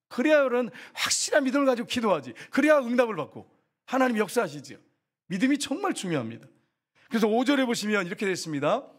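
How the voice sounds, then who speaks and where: A middle-aged pastor preaches a sermon in a high-pitched voice. As he tosses questions to the congregation, his pitch swings widely.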